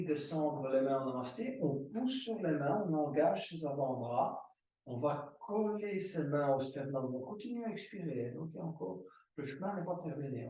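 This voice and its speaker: A man teaching a yoga class, giving slow, calm breathing and movement cues. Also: fairly high pitch, distant mic. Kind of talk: guided yoga class instruction. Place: room recorded as an online class. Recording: roomy echo, voice from afar.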